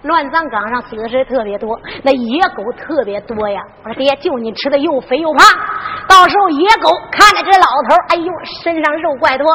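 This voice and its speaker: A foolish, blustering young son who wheedles and then threatens his father in a Henan zhuizi ballad story, as a female storyteller puts him on. The voice is high and bright, lively in pitch. It is heard on a live stage with long reverb and a faint hiss. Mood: threatening. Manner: coaxing then threatening, drawn-out.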